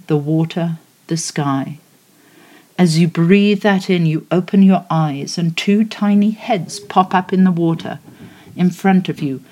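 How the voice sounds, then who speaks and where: A woman leading a guided visualization meditation, speaking in a soothing, unhurried way. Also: lowish voice, darkish tone.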